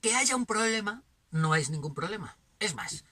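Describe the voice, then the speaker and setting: Dramatic Spanish man with a bright voice. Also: high-pitched, expressive, moderate pace. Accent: Spanish from Spain. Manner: dramatic, swinging from emphatic bursts to hushed near-whispers. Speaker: channel host. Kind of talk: philosophical monologue.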